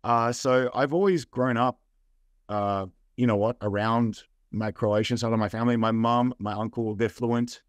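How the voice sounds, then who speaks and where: A young adult man with an Australian accent chats as a guest in a casual interview, laid-back and rambling, with plenty of fillers. His voice is medium-pitched and steady at a moderate pace, in studio-quality audio with no echo.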